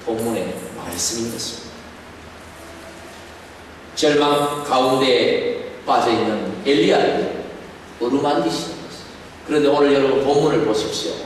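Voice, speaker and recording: A man, a pastor, preaching an earnest sermon with gentle storytelling and sudden emphatic rises. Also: on the high side. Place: church sanctuary. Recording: echoey hall, distant mic, faint noise.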